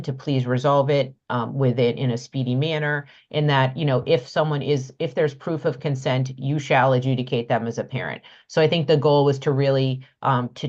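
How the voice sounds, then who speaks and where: A woman giving explanatory testimony at a committee hearing, speaking tentatively with many halting pauses, on dull audio. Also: extremely low pitch. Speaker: witness explaining proposed legislation to a committee. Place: legislative committee room.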